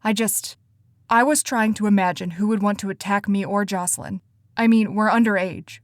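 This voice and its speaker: A woman voicing an earnest, anxious teenage boy who talks eagerly in rushes, in an audiobook. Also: mid-range voice, steady tone, no room sound, lightly acted.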